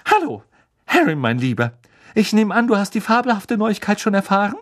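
A stern, fussing mother with a sharp, scolding tongue, pitched high and swinging widely up and down, as a male reader puts her on. She snaps quickly and takes charge of every moment, the way a storybook mother does. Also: sing-song. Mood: proud. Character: stern fussing mother, middle-aged woman.

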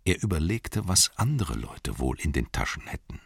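Deep gravelly male audiobook narrator. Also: sing-song, dry recording, clean studio sound. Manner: measured storytelling.

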